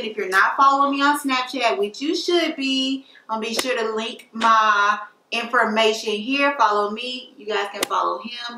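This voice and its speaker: A woman's voice: on the high side, sharp tone, a little hiss or hum. A woman in her late twenties chatting casually as a vlogger in a question-and-answer video, upbeat and full of fillers. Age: late 20s. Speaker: beauty vlogger. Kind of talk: casual Q&A chat. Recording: echoey room, mic at a distance.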